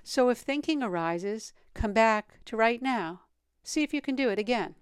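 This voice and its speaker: A woman leading a guided meditation as a teacher, speaking in a calm, meditative tone with a smooth, clear voice. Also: on the high side, moderate pace, dry recording, clean studio sound.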